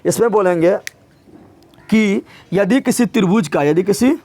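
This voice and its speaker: Male math tutor, high-pitched, drills the class with repeated call-and-response questions. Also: measured pace, a little mellow. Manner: drills terms by repeating words three times. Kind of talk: live classroom teaching.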